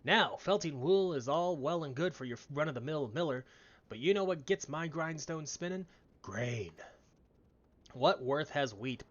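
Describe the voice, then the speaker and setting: A man voicing a theatrical game miller who gloats like a villain with slow, grand menace. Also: a little high, lively intonation, lo-fi sound, pitched above the performer's own voice. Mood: grandiose, scheming.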